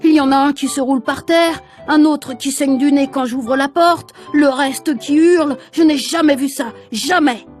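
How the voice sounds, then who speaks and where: A woman's voice: high-pitched, normal speed, soft background music, lightly acted. A woman reading the part of a stern, short-tempered male school supervisor in a storybook, scolding in a raised voice. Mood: exasperated.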